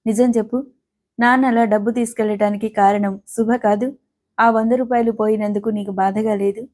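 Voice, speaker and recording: A woman's voice: fairly high pitch, fairly even intonation, normal speed, a little mellow, lightly acted. A woman reading the part of a hot-tempered young male student, speaking in a curt, defiant way.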